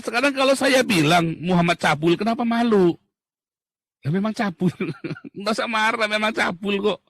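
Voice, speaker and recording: A man from Indonesia talking in a heated, casual monologue, blunt and mocking, swinging from loud outbursts to low muttering. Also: no room sound, studio quality. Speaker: talk show speaker.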